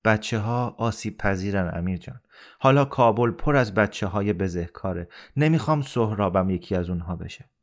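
A dying older man, gentle yet persuasive, who talks in a calm and earnest way, as a male reader voices him. His voice sits fairly low, in the measured tone of an audiobook reading. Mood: earnest, pleading.

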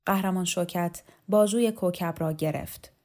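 Calm woman narrating a novel. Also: lowish voice. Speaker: audiobook reader. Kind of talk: scripted literary narration.

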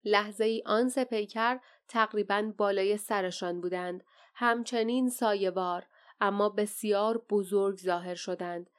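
A woman narrating an audiobook in a steady, dramatic storytelling manner. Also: medium pitch, clear, resonant tone. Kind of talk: scripted narration.

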